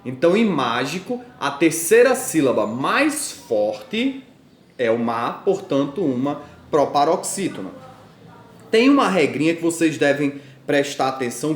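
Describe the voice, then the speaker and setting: Lively Brazilian male teacher, echoey room. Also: on the high side. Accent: Brazilian Portuguese. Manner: patient, stresses syllables loudly in examples. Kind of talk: grammar lesson for children.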